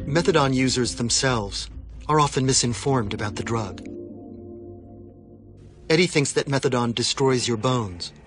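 A man giving scripted documentary narration in a measured, explanatory way. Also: medium pitch. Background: music.

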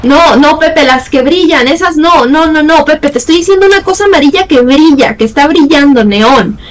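A woman's voice: high-pitched, moderate pace. A woman with a Mexican accent, chatting casually with a gamer, bossy and teasing as she tells him where to go. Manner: bossy, teasing, directs the player. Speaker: co-streamer. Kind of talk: casual chat while watching a game.

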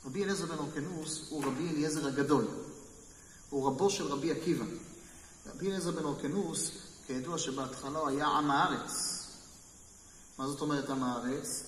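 A man's voice: fairly high pitch, long pauses. A man, a rabbi, telling stories in a Torah class and asking the listeners questions as he goes. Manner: lively storyteller, talks with listeners and asks them questions. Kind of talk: storytelling Torah lesson to a live group. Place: hall with a small live audience. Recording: echoey hall, mic far off, faint noise.

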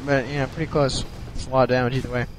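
In a level, medium-pitched tone, a man rattles off rapid-fire commentary on a strategy game replay against a noisy background. He sounds sleepy and unsure, yawning and peppering his talk with ums and restarts.

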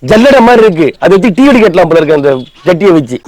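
A man's voice: high voice, expressive, fast talker, a little mellow, no room sound. A man, sulking and complaining in a scripted comedy sketch as a husband. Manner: sulky, whiny complaining.

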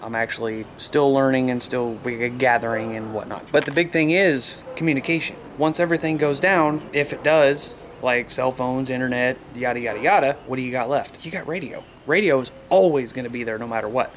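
A man with a mid-range, slightly bright voice chats casually as a hobbyist vlogger, starting outdoors in a yard and later moving into a small indoor room. He's filmed on a camera held at arm's length, so the audio is noisy, with background hum throughout.

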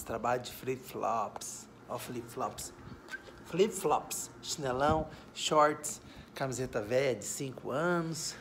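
A Brazilian man giving a casual, playful video lesson in English from his backyard. He says the English examples slowly and clearly. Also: mid-range voice, a bit bright, a little hiss or hum. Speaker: English teacher. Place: home backyard, outdoors.

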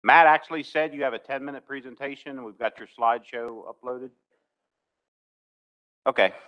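A man's voice: medium pitch, normal speed, muffled recording. A man chairing a council meeting, courteous and procedural, welcoming people and introducing speakers.

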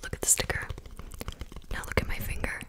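A woman in her twenties whispering fast, chaotic ASMR close to the mic, with short, insistent, repeated phrases. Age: 20s. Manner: quick, insistent repetition of short commands and questions. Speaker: ASMR host. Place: small room at home, indoors. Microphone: desktop condenser mic, very close.

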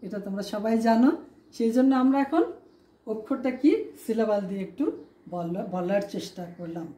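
A woman's voice: mid-range voice, moderate pace, warm tone. A woman teacher giving a classroom lesson, asking her students rhetorical questions and spelling words out syllable by syllable. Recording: echoey room.

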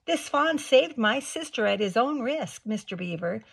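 A woman's voice: fairly high pitch, expressive, vocal fry, slightly rough, voice pushed up, full character voice. Woman doing an eager young boy. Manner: rushed, stumbling speech. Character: eager, impulsive schoolboy.

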